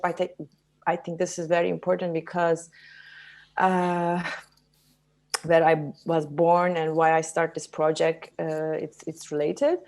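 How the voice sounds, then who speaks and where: A woman's voice: lowish voice, darkish tone. A woman in her thirties from Turkey, an English speaker, presenting her art project with many fillers and restarts. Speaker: artist and photographer guest. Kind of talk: presentation talk.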